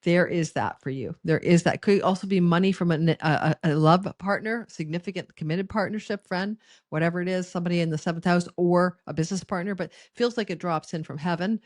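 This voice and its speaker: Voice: mid-range voice, brisk, no room sound. An astrologer giving a forecast monologue in a rambling, conversational way, with frequent restarts and asides.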